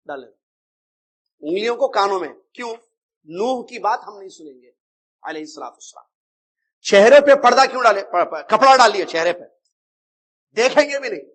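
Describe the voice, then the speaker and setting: A male religious teacher with a high-pitched voice that carries a husky, slightly breathy edge. He lectures conversationally, often turning to the audience with rhetorical questions. The delivery is an informal teaching talk, not a formal recitation. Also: a bit bright. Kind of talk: Islamic creed lecture.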